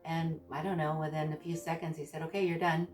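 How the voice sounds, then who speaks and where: A woman with a low-pitched voice shares a personal story in a casual vlog style. She speaks haltingly, often pausing to find the right word. She sounds some distance from the microphone, with faint guitar music behind her. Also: flat delivery, a little mellow. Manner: halting, hesitant, searching for words. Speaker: vlogger recounting own surgery experience. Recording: distant mic with background music.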